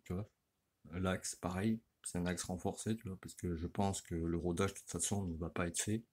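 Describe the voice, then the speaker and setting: A man's voice: deep voice, fairly even intonation, normal speed, darkish tone. A middle-aged man talking casually while he works on an engine in his workshop, rambling and slangy, tagging nearly every phrase with a "you see". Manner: rambling and slangy, saying "tu vois" constantly. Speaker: motorcycle mechanic. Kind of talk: casual workshop how-to talk. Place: home workshop or garage.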